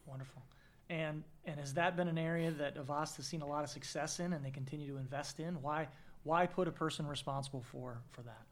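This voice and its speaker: A man's voice: fairly high pitch, steady tone, a little fast. A man hosting a podcast interview. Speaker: podcast host, sales and marketing executive.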